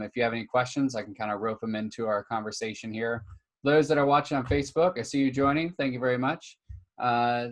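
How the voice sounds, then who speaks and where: Casual male host on a video call. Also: on the low side. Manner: casual, lots of uh fillers. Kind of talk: live stream interview hosting.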